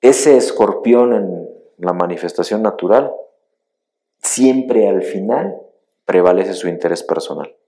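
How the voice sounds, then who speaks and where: Low-voiced pastor preaching. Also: male voice, a little slow, warm tone. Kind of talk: sermon.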